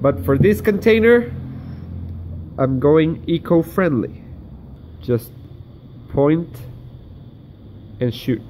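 An outdoor gear vlogger shows off equipment at a table indoors, filmed from above by a camera on his hands. His voice is on the high side, mellow, and very animated but slow with frequent pauses, as he chats and explains each step to viewers, with a little hiss or hum.

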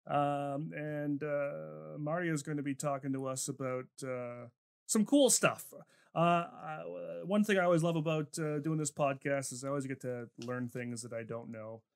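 Halting, friendly podcast host man. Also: a little high, vocal fry, clear, resonant tone. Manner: hesitant, many fillers and restarts. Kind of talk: casual interview chat.

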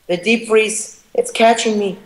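A gamer who also edits his channel chats over voice chat during play, swapping sarcastic jabs and panicking whenever his character is in trouble. His high voice stays fairly even in intonation and unhurried. The casual gameplay commentary is roughly recorded, with a crowd audible behind him.

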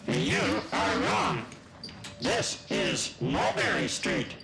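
A man voicing a boastful, stubborn robot machine in a stiff, deliberate robotic voice for a children's puppet sketch. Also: lowish voice, steady tone, creaky, reverberant, background noise, heavily acted.

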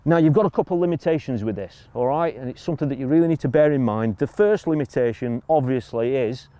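A middle-aged British man with a mellow, relaxed voice talks casually through a fishing tutorial, seated outdoors by a lake. The sound is dry and close, and he keeps checking in with the viewer as he goes. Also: mid-range voice, fast, dry recording. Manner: chatty, frequent "all right?" and "you know". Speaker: angling coach.

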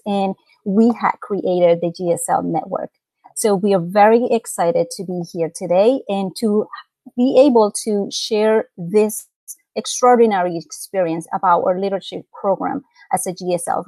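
A woman's voice: medium pitch, darkish tone, no room sound, low-quality recording. A young woman hosting a live online webinar over a video call, talking in a friendly way with many ums and uhs. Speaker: webinar moderator.

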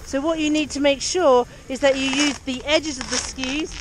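A woman with a high-pitched voice gives a live ski lesson in a cheery, encouraging way, calling out short instructions. She is recorded outdoors on an action camera, with plenty of noise around her. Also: steady tone, normal speed. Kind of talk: live beginner lesson, coaching and explaining to camera. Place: outdoors on a busy ski slope. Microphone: action camera held or worn.

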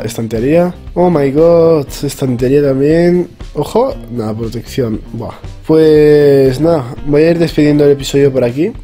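A man's voice: medium pitch, warm tone. A young man with a Spain Spanish accent, chatting casually as he plays and exclaims at the game. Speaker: gaming youtuber. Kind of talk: casual gameplay commentary.

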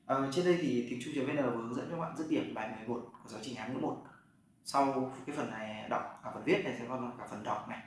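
A man's voice: medium pitch, quick pace. A man teaching an online Chinese lesson, talking directly to his learners. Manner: direct, talks straight to learners. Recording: very echoey room, mic far off, faint background noise.

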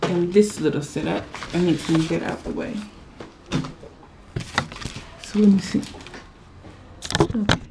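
A woman with a fairly low voice chats her way through a crafting tutorial, rambling and restarting as she works. The recording is noisy, with paper crinkling and clicks behind her. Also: a little slow, gravelly, long pauses. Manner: chatty, rambling, many ums and restarts. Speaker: vlogger.

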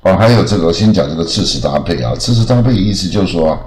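A man's voice: sits low, lively intonation, quick pace, darkish tone, roomy sound, rough recording. A man from Taiwan giving a casual, rambling English lesson, full of filler particles and restarts. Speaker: English teacher.

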